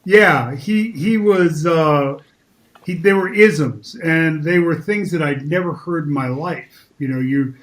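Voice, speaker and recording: A man's voice: on the high side, takes it slowly. A man, telling vivid, emphatic stories as a podcast guest. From Northeastern US. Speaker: guest, former football player. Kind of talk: storytelling in casual chat.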